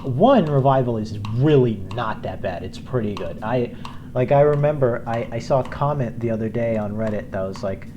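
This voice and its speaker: A man's voice: mid-range voice, lively intonation, normal speed, lo-fi sound, noisy background. A young man giving casual gameplay commentary, rambling with many fillers and little chuckles.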